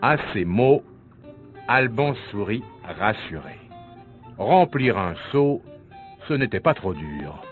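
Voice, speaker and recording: Male storybook narrator, slow and expressive, tinny sound. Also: mid-range voice. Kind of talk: storybook read-aloud. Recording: tinny phone-like sound, faint music.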